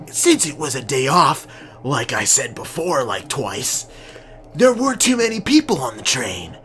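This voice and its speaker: Animated man reading a game aloud. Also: medium pitch, unhurried, soft background music. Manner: stumbling, mock-dramatic reading broken by laughter and swearing. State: voice strained. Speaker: gamer reading a visual novel aloud. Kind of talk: comedic let's-play reading.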